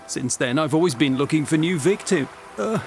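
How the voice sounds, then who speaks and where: A man's voice: fairly high pitch, expressive, moderate pace, a little hiss or hum. A man voicing a smug genie turned psychotherapist in a video game, wordy, affected and condescending. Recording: music clearly behind.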